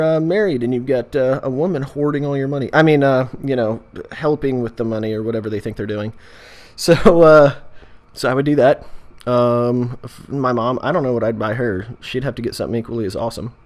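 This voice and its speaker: A man's voice: medium pitch, a little fast, hardly any pauses, a little mellow. Casual, rambling American man, jokey and meandering. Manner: jokey, meandering, self-interrupting. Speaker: video host. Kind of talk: casual rambling vlog chat.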